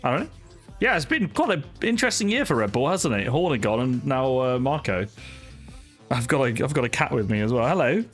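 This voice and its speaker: A young sim racing streamer, not from Wales, chats casually with viewers live from his home streaming setup, greeting people by name and using plenty of fillers. His medium-pitched voice is sing-song, a little fast and a bit bright, with music playing behind him.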